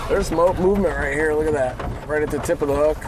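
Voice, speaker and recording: Male storm chaser, slightly high voice, casual spotting remarks, very noisy vehicle and outdoor sound. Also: fast talker. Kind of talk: casual live spotting commentary. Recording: loud vehicle and outdoor noise.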